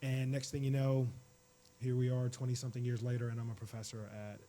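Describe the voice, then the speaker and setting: A man in his forties, a college department chair, talking in a relaxed interview with fillers. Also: medium pitch, fairly quick, a little hiss or hum. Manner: warm, relaxed storytelling with fillers. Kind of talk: casual interview talk.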